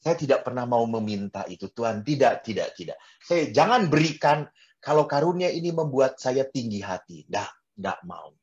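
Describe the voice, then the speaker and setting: Expressive male priest preaching. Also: lo-fi sound. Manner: expressive, wide swings in pitch and loudness; drops in English phrases. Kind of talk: sermon to a prayer group.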